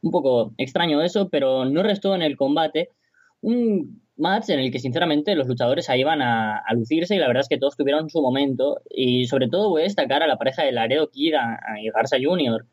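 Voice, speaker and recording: A man's voice: mid-range voice, a little fast, dry recording. A man speaking as a wrestling commentator, giving conversational, reflective analysis with his own opinions.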